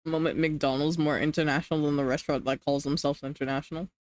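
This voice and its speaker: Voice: medium pitch, flat delivery, fast talker, a little mellow, dry recording. A livestreamer chatting casually with chat while eating, rambling and hedging with lots of fillers. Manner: rambling, hedging with many "like"s, reading chat aloud.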